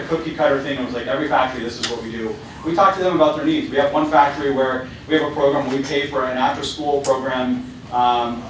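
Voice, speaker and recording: A medium-pitched man, a company founder, gives a casual talk to students, filled with fillers and restarts. He's far from the mic in a very echoey hall, with slight background noise.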